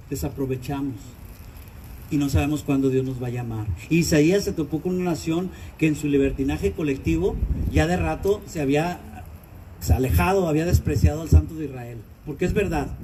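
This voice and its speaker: A pastor preaching a sermon with animated delivery, acting out cries and voices of the people he describes. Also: fairly high pitch. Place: church. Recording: distant mic with clear background noise.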